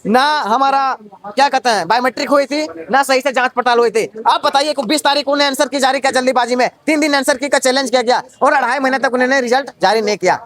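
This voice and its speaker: High-voiced young man protesting fast. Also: a bit bright. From Jharkhand. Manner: indignant, rapid, rhetorical questions. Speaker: protesting exam candidate. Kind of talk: impassioned street interview.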